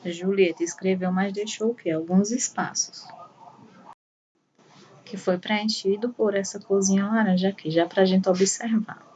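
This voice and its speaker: A woman's voice: mid-range voice, fairly even intonation, a little slow, dark tone, highs cut off. Patient woman teacher, slightly distant mic. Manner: patient, explaining with examples. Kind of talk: primary school lesson explaining to children. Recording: voice a bit far from the mic, faint room noise.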